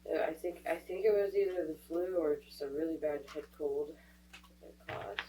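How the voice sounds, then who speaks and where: A deep, mellow female voice at a moderate pace belongs to a tarot reader giving a casual reading. She's stuffed up from a cold and chats away, thinking aloud as she goes. Her voice sits a bit distant from the mic, with a faint hum in the background.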